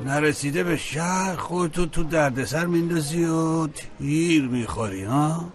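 An actor playing a gruff, practical, middle-aged uncle figure with a brusque manner, in a dubbed drama. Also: male voice, on the high side, faint music behind, natural voice. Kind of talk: dubbed drama series dialogue.

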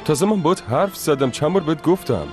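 A man's voice: on the high side, lively intonation, close to an everyday voice. A man voicing a tender young lover over music. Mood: earnest. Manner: earnest, reassuring. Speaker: dubbing actor. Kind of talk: dubbed TV drama. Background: background score.

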